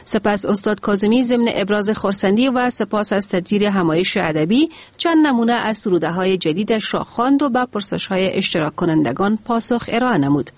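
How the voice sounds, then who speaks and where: A woman reading a cultural news report in a formal, even way. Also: medium pitch, no room sound. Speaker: news reader.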